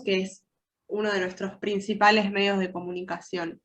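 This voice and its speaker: A woman's voice: mid-range voice, a bit bright. Congested Argentine woman teaching a workshop. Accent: Argentine Rioplatense Spanish. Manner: engaging, asks the audience many questions. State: congested, nasal from a cold. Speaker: soft-skills trainer.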